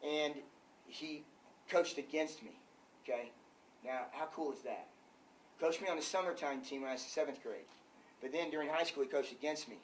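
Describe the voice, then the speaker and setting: A man's voice: fairly high pitch, moderate pace, long pauses, distant mic, slight background noise, rough recording. An older man, a wrestling coach, giving an emphatic clinic talk full of rhetorical questions.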